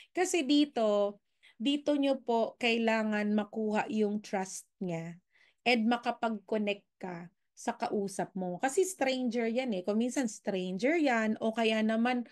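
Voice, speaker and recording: A woman from the Philippines giving a casual sales coaching talk that mixes Filipino and English, often checking in with her listeners through quick tag questions. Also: mid-range voice.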